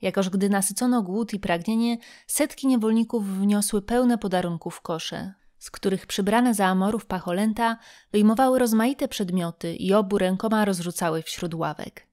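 A woman narrating a classic novel as an audiobook reader, in a steady, even storytelling manner. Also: mid-range voice, normal speed.

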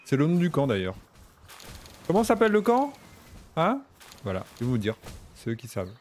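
Lively French-speaking gaming streamer man. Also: fairly high pitch, normal speed, a little hiss or hum. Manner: chatty, talks to chat and game characters; frequent excited exclamations. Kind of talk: casual gameplay commentary.

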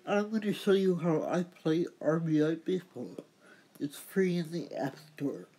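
Slow, husky middle-aged man. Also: a little high, mellow, poor audio. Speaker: host showing a mobile game. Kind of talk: gameplay demonstration commentary.

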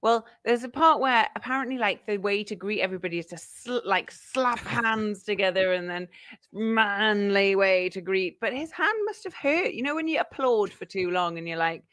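A woman's voice: mid-range voice, animated, moderate pace, hardly any pauses, a bit bright, no room sound. A woman chats on a fan podcast in a playful, giggly way, often acting out little quotes. Her voice sits mid-range, recorded dry and close. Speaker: podcast co-host. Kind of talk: casual chat.

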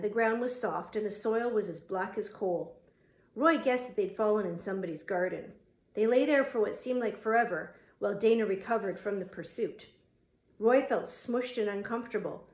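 A woman narrating a novel as an audiobook, in a steady, measured storytelling manner. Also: mid-range voice. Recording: roomy echo.

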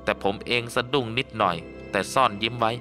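A man narrating a ghost-story audiobook in the first person with a steady storytelling manner. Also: on the low side, quick pace, over music. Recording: long reverb.

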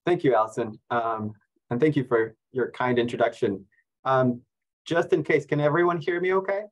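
A man's voice: mid-range voice, moderate pace, poor audio. Ecuador-born man giving a seminar talk. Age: 40s. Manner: friendly, explanatory, light self-deprecating humor. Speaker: guest speaker, fisheries biologist. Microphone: video call.

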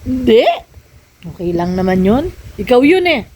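A woman's voice: a little high, very animated, normal speed, background noise. An older woman vlogging at home, nagging and scolding a younger relative in casual talk. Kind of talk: casual family vlog, scolding.

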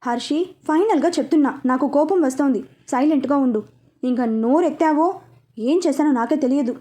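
A stern, hot-tempered young man who scolds and gives orders, as a woman storyteller reads him in her own mellow, high voice. Sharp and commanding in an audio storybook. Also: moderate pace, natural voice. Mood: angry.

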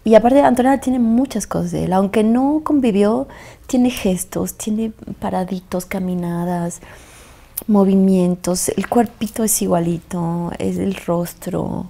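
A Mexican woman, a guest actress, telling a personal story softly and haltingly, her voice often sinking toward a whisper. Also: mid-range voice, creaky.

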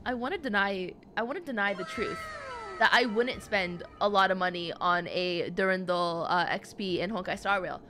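Over game music, a woman game streamer with a medium-pitched voice chats casually at a normal pace during gameplay. She is animated, playful and talkative, calling her viewers "gamers" and "guys."

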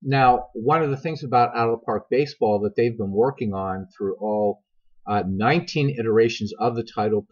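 A dull, slightly lo-fi recording of a middle-aged man hosting a game tutorial. His voice is husky with a smoker's rasp. He talks conversationally to viewers and wanders into asides as he explains. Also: fairly low pitch. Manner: conversational, digressive, addresses viewers directly. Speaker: video game tutorial host. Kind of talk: casual, rambling tutorial narration. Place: voice-over recorded over screen capture. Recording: dull, lo-fi microphone sound.

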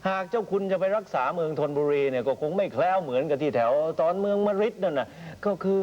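A man voices a scheming servant in a period radio drama, bowing and scraping to his master while stirring trouble. His voice is high and jumps around, with hesitant fillers over a dull recording with faint noise. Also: expressive, quick pace, darkish tone, close to an everyday voice. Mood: sly. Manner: obsequious, hesitant, sly. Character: fawning, scheming male servant to a lord.

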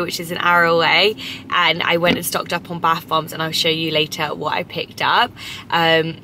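A chatty young woman, talking to camera from the driver's seat of her car. Her voice is bright and forward, sitting a little low in pitch. She rambles cheerfully with fillers, and a faint hum of ambient noise sits behind her. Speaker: vlogger. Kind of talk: casual chatty vlog. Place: inside a parked car. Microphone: camera on the dashboard or held in hand.

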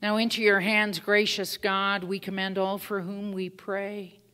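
A woman pastor leading liturgical prayers in a slow, measured way, heard with a cathedral-like church echo. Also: medium pitch, level tone, sharp tone, slight background noise. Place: church sanctuary. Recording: long church-hall reverb.

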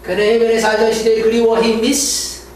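A man teaching English grammar, reading English examples slowly and explaining them in Korean, often repeating words and correcting himself. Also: extremely high pitch, monotone, heavy reverb, recorded from a distance, slight background noise, low-quality recording. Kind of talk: lecture on grammar.

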